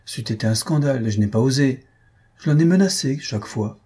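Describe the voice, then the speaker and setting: A man reading aloud and voicing an earnest young woman who explains herself calmly. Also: medium pitch, fairly quick, husky, voice pushed up. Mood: explaining. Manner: calm, explaining, a little amused.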